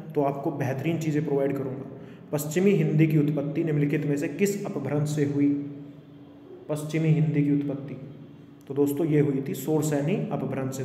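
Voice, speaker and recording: Fairly high-pitched and mellow, a male exam coaching teacher leads online viewers through a quiz, restating questions instructively and dropping in English phrases. The recording comes from a reverberant, echoey room with a faint noise floor.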